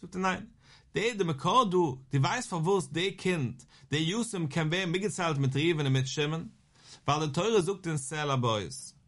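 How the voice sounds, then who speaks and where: A man giving a Talmud lesson, reading the source aloud and explaining it line by line, slowing into a sing-song when he quotes a verse. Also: a little high, lively intonation, fairly bright tone. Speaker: Talmud teacher.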